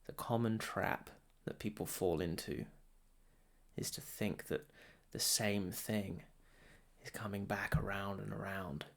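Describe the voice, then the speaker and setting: This male meditation teacher leads a guided session with a calm, unhurried manner, speaking in short bursts and leaving long gaps. His voice is on the low side and creaky, with fairly even intonation.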